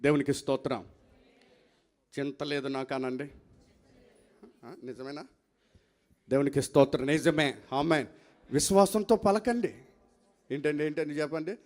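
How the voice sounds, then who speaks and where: A man preaching a sermon as a pastor. He repeats phrases, calls on the congregation to answer, and swings from quiet speech to loud cries. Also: medium pitch, level tone, moderate pace, long pauses. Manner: tells stories acting out dialogue.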